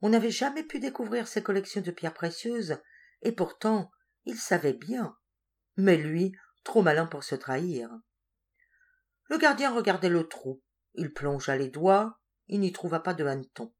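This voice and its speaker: Measured woman reading an audiobook. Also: on the low side, lively intonation. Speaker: audiobook reader. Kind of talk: scripted narration.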